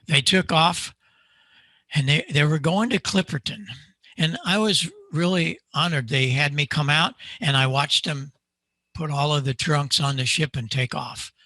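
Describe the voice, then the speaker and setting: An older man who makes microphones appears as a guest speaker, presenting to a club over a video call mic. He's a lively demonstrator who quizzes himself with rhetorical questions, his voice a little high at normal speed with no room sound.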